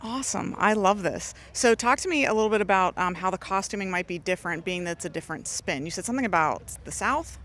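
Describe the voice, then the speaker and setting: A woman hosting a community TV interview outdoors at a theatre stage, asking upbeat, quick questions. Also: mid-range voice, lively intonation, a bit bright, slight background noise. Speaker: host.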